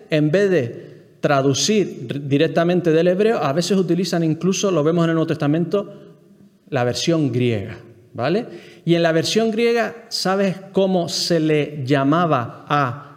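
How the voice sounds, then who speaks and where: Higher-voiced Spanish man teaching in a hall. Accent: Spain Spanish. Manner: explanatory, keeps checking in with the listeners and asking them questions. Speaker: Bible teacher. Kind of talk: Bible class lecture to a group.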